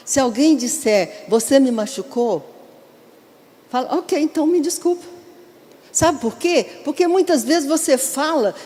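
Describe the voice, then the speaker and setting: A middle-aged woman bishop preaches earnestly, pressing her congregation with direct questions. Her voice sits fairly high but stays warm and mellow. The sound trails off into the long reverb of a large church hall. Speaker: bishop and pastor. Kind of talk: sermon.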